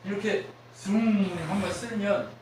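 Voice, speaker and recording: A man's voice: high voice, steady tone, measured pace, very echoey, far from the mic, slight background noise, low-quality recording. A man preaching a sermon as pastor, often asking the congregation questions and acting out the voices of people he quotes. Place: church sanctuary.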